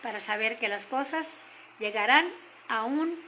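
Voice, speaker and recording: An older woman with a Mexican accent telling a story gently, slowing down to stress key moments. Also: a little high, expressive, a little hiss or hum, poor audio. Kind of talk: told story.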